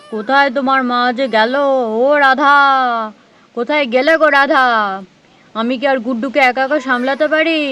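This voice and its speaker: A woman's voice: high voice, a bit bright, dull audio, a little hiss or hum. A woman voicing a fussing elderly grandparent in a doll story, calling out and soothing a crying baby.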